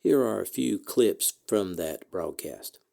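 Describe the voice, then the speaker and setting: A man reading scripted historical narration as a podcast host, in a measured, orderly way. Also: low-pitched, animated, gravelly, warm tone.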